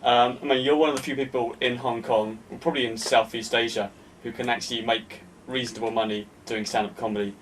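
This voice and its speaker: A man hosting a casual podcast interview, chatty and self-deprecating, slowing down to spell out names and links. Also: mid-range voice, fairly even intonation, fairly bright tone, far from the mic, a little hiss or hum, rough recording. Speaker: podcast host.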